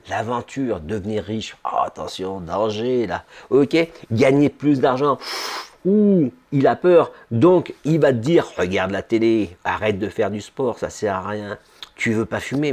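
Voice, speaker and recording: A man giving an informal motivational talk about his ice cream business, full of slang and constant "d'accord?" check-ins, acting out inner voices in low murmurs. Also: a little mellow. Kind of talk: casual motivational talk to camera.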